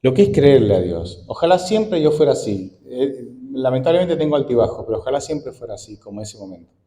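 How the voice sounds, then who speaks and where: An Argentine pastor in his forties, preaching in a conversational way and peppering the congregation with rhetorical questions. His pitch swings widely, and his voice is warm and mellow. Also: sing-song, brisk, slight background noise. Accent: Argentine Spanish. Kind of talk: sermon.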